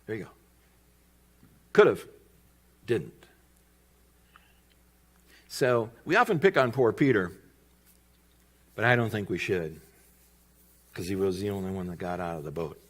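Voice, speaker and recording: A male pastor preaching a sermon in church, telling a story with lively delivery and acted-out quotes. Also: lowish voice, measured pace, pauses often. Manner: lively storytelling, acting out voices in quoted lines.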